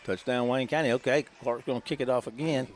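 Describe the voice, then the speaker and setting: A man calling a high school football game on local radio in a folksy, chatty way, laughing easily. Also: fairly even intonation, fast talker, a little hiss or hum. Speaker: play-by-play announcer.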